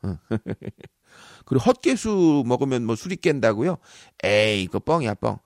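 Lively gravelly man coaching with jokes. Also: medium pitch, moderate pace, no room sound, clean studio sound. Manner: animated and teasing, full of rhetorical questions and puns. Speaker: speech coach and professor. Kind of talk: lively talk-show lecture.

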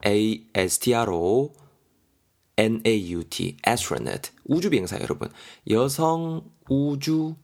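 A middle-aged man runs a chatty podcast English lesson. He breaks each word down patiently and spells it out letter by letter. His voice sits low, with a husky grain. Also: big pitch swings, takes it slowly, a little mellow. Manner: chatty, explains step by step, spells words letter by letter. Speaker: English teacher.

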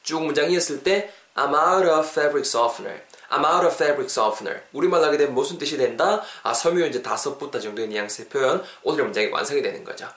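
A man's voice: fairly high pitch, brisk, hardly any pauses, a bit bright. Upbeat man teaching English in an echoey room. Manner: upbeat, coaxing learners to repeat after him. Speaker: English teacher, podcast host. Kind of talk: podcast language lesson.

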